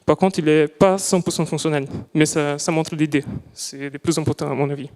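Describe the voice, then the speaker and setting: A man's voice: a little high, steady tone, fairly quick, darkish tone. A young man whose first language is not French, presenting his student project live in a lecture hall, speaking carefully and often restarting as he searches for words. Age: young adult. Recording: long hall reverb.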